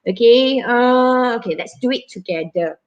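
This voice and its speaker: A woman in her thirties with a Malaysian English accent moderates a casual live stream, chatty and halting, with lots of fillers and restarts. Her voice is a little high and expressive, and the highs are cut off.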